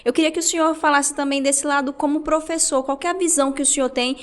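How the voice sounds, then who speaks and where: A woman with a high voice hosts a casual interview, asking long, winding questions in a conversational tone. She often jumps in to finish the guest's sentences. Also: steady tone, quick pace, a bit bright. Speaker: interview host.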